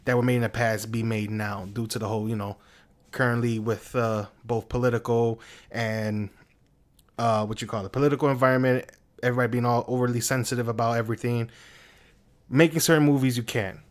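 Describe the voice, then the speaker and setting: A young man co-hosting a casual podcast chat, profane and rambling, who laughs often and gets excitable when retelling scenes. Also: mid-range voice, a little fast. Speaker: podcast co-host.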